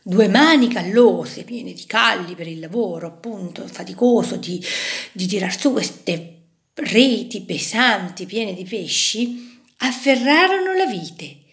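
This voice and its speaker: A woman reading a children's story aloud in an expressive, animated way, pointing out a drawing to listeners. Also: mid-range voice, takes it slowly.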